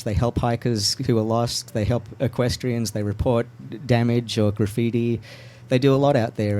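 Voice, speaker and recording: A man's voice: medium pitch, mellow. A man as a radio talk show guest, explaining steadily with frequent restarts. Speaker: mountain bike advocacy guest.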